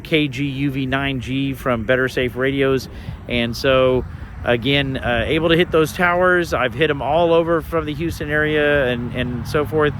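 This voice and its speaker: A man's voice: mid-range voice, fairly bright tone. A man from Colorado talking casually and informally as an amateur radio operator hosting an outdoor vlog, rambling as he goes. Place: outdoors in a state park. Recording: outdoor ambient and vehicle noise.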